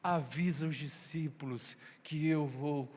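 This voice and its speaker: A preacher voicing a calm, gentle risen teacher. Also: male voice, on the high side, slow pace, pitched below the performer's own voice. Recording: long reverb in a church hall.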